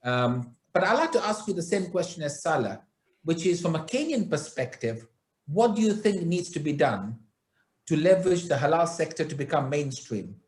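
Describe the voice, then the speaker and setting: A man with a slightly high voice moderates a panel, sounding agreeable and conversational as he puts questions to the guests. His voice carries a roomy echo. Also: sing-song, moderate pace, darkish tone.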